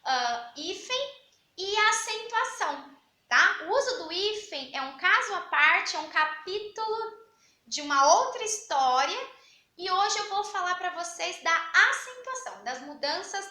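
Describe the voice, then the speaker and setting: High, bright woman teaching. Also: sing-song, unhurried, echoey room. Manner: chatty, asks rhetorical questions and answers them. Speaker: Portuguese teacher. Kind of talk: online grammar lesson.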